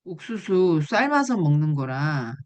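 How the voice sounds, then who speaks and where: A woman's voice: sits low, measured pace. A woman giving a classroom nutrition lecture, explaining with examples and asking the audience questions. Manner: animated, asks the class questions.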